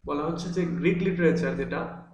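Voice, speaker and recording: A man's voice: on the high side, normal speed, darkish tone. A male teacher giving an online class from an empty room that echoes, explaining patiently with frequent fillers and restarts. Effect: echo from an empty room. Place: large, mostly empty room.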